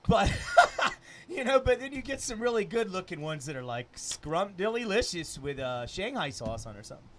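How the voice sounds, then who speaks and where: A man's voice: sits high, very animated, normal speed. A man who produces adult films, chatting in an interview in a rambling, crude way and laughing often. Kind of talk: casual interview chat.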